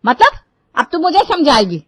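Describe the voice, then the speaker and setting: A woman voicing a sharp-tongued traditional mother-in-law who scolds loudly in a cartoon story. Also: very animated, moderate pace, dry recording. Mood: indignant. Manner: scolding, shrill and loud. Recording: dull lo-fi dry recording.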